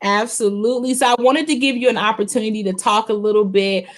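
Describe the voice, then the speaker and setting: A woman's voice: mid-range voice, fairly even intonation, fast talker. A woman hosting a casual interview over a video call, chatty and giggly, often laughing between her words. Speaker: host.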